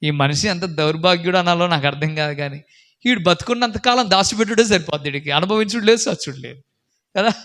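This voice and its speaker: Male preacher, high bright voice, emphatic, repeats questions, sermon. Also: fast talker. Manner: emphatic, repetitive questioning, rising to shouts; acts out characters in a story with changed voices.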